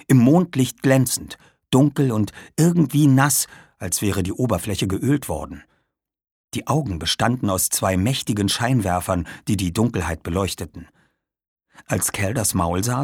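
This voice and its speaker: A man narrating an audiobook with lively, dramatic storytelling. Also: fairly low pitch, husky, dry recording, clean studio sound.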